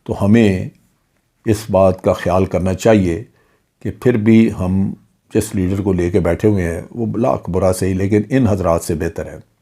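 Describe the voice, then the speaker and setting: A man's voice: deep voice, steady tone, mellow. An older man, a retired general from Pakistan, delivering an earnest political commentary monologue with rhetorical questions.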